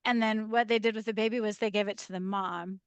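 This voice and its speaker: Appearing as a guest on a casual video-call interview, a woman tells stories with lively energy, laughing often and acting out what the people she quotes said. Her voice is mid-range and fast, with a clean tone and no room sound.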